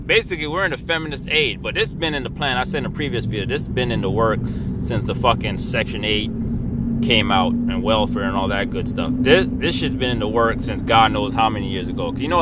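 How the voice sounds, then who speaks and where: A young man ranting to camera in a blunt, profane casual vlog, dropping to a low mutter and then jumping to loud outbursts. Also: very noisy. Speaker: vlogger. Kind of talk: casual opinion rant.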